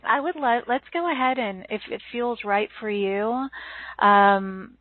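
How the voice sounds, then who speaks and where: A woman's voice: fairly high pitch, a little slow, no room sound. Woman host chatting casually, takes her time, dry tinny phone sound. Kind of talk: casual spiritual talk.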